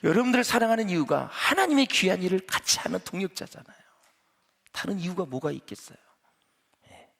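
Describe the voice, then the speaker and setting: Middle-aged pastor preaching, high voice that swoops all over, gravelly, big echoey church. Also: male voice, fairly quick, long pauses. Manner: animated, conversational preaching. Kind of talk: sermon. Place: church sanctuary.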